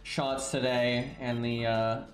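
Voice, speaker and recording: A man's voice: mid-range voice, level tone, takes it slowly, roomy sound, faint music behind. A congested, sniffly man breathing through his mouth, giving rambling, casual game stream commentary to his viewers. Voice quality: congested, stuffy-nosed.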